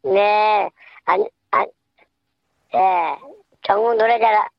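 A man in his seventies, a phone-in guest, speaking through a voice changer that shifts his pitch, giving short, hesitant answers. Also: little pitch movement, takes it slowly, vocal fry. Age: 70s. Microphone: telephone. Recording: dull, dry phone line.

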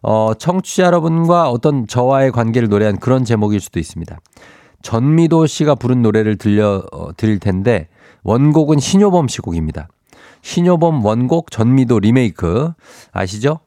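A man's voice: medium pitch, lively intonation, moderate pace, warm tone, no echo. Chatty male radio DJ, dry studio sound. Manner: chatty, playful, reads listener texts aloud. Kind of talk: casual morning radio chat. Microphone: studio microphone.

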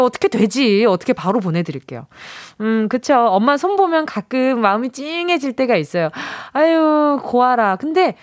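A woman's voice: a little high, no echo, studio quality. A young woman hosting a radio show, playfully announcing a giveaway and reading listener texts aloud with a bubbly, dramatic delivery. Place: radio studio. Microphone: studio mic.

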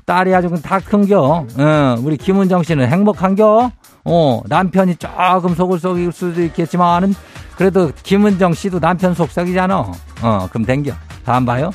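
Man, Chungcheong accent, radio host, folksy and teasing, slightly high voice, faint music behind. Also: moderate pace. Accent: Chungcheong Korean. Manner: folksy, teasing, gives homespun advice. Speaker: radio host reading listener messages. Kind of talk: casual folksy radio chat.

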